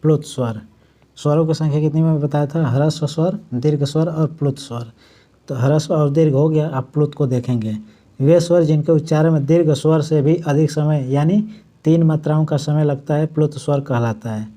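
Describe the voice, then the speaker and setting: Hindi teacher with a warm, mellow voice. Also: male voice, fairly high pitch, fairly even intonation. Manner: explains step by step, repeating points with "matlab"; draws out example words slowly. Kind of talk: exam-prep grammar lesson.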